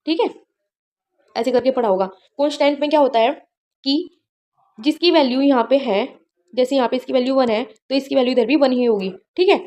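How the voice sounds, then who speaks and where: A woman's voice: sits high, darkish tone. A young woman teaching English vocabulary for an exam-prep lesson. She is patient, spells words out letter by letter and keeps checking in with her students. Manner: constantly checks in with "ठीक है".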